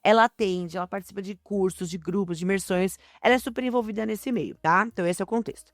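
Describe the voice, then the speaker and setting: A woman with a Brazilian accent hosting a podcast in casual, slangy, chatty talk, her voice hoarse and stuffed up with a cold. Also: medium pitch, no room sound, studio quality. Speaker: podcast host.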